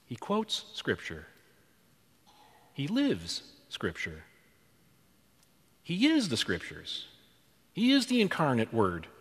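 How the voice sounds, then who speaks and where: A man's voice: medium pitch, huge pitch swings, takes it slowly, pauses often, husky, big-room sound. A man preaching a sermon in a church, dramatic, with rhetorical questions and repeated phrases.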